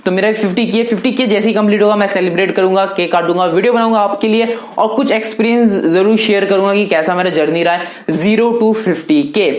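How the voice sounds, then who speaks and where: A man's voice: sits high, steady tone, fairly quick, few pauses. An eighteen-year-old man answering viewer questions in a casual, chatty vlog, loosely talking to viewers as brothers. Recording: echoey room.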